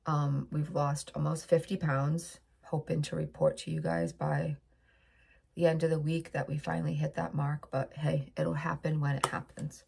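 A woman's voice: deep voice, creaky, darkish tone, slightly rough. A woman hosting her own vlog, chatting casually to her viewers with a stuffy, sniffly nose, upbeat and rambling. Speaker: vlog host. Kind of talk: casual chat to camera.

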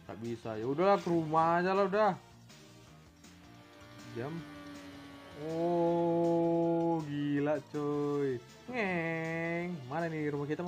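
A man from Indonesia doing playful let's-play game commentary, making engine noises and mixing in English words. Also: on the high side. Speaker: gamer.

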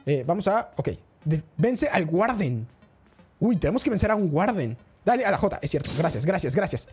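A woman, live-streaming a game, excitable and chatty, talking straight to her chat. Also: lowish voice, normal speed, slightly rough, soft background music.

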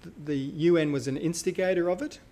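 A man's voice: on the high side, fairly quick, mellow. Man lecturing casually in a hall. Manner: conversational, thinks aloud with fillers and self-corrections. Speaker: university lecturer. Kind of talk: live university lecture.

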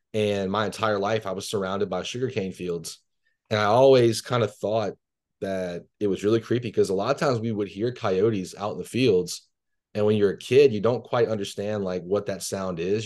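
He's in his thirties, hails from Louisiana, and joins as a guest author from a bedroom at home. Reading his horror writing, he keeps a low, steady, measured voice, then chats casually through questions on a video call captured by his laptop camera.

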